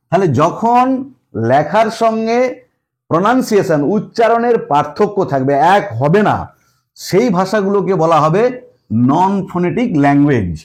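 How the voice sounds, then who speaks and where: A man's voice: high-pitched, darkish tone. A male English teacher explaining a lesson, who asks rhetorical questions and repeats key points. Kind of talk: classroom-style lesson explanation.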